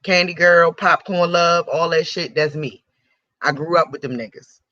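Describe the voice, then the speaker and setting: A man's voice: on the high side, fairly even intonation, moderate pace, sharp tone. A man hosting a radio show, giving blunt, profane and heated celebrity commentary and repeating his points for emphasis. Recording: dull lo-fi recording.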